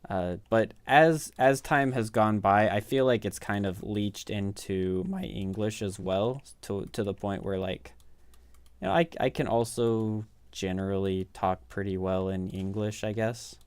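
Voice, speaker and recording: A Midwestern man in his thirties streams games and talks loosely with his viewers, rambling and making fun of himself. He has a Midwestern American accent and a lowish, smooth voice that runs a little slow, with no echo.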